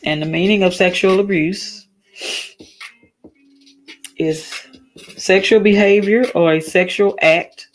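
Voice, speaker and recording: A woman's voice: mid-range voice, steady tone, slow pace, long pauses, soft background music. A tired woman with a slightly worn voice hosts a casual solo talk. She speaks earnestly, halts and restarts, and reads definitions aloud. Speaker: talk stream host.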